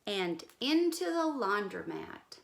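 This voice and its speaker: Speaking slowly in a creaky, mid-range voice, a woman reads a picture book aloud to young children in teacher fashion. Her storytelling is careful and expressive, with explanatory asides and gentle questions for the listeners.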